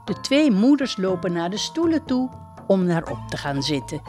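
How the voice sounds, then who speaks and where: A woman narrating a storybook in a calm, measured way. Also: medium pitch, soft background music.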